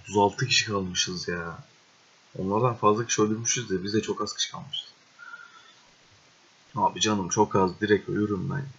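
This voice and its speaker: A young man talks over his gameplay in a low, husky voice. He swears often, gets exasperated and breaks into excitable outbursts. The recording sounds dull and lo-fi. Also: normal speed, long pauses. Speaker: gaming video host. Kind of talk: casual gameplay commentary.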